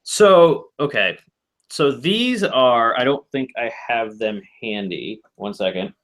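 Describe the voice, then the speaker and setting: A man's voice: mid-range voice, animated, slow pace, fairly bright tone. A man hosting a casual online board game club, explaining rules and strategy in a rambling way with frequent restarts.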